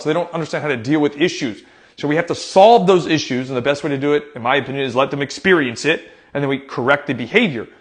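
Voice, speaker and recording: An American man, a youth soccer coach, giving casual advice and telling stories with lots of fillers and "right?" tags. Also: on the high side. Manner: animated storyteller who acts out his own loud quoted lines.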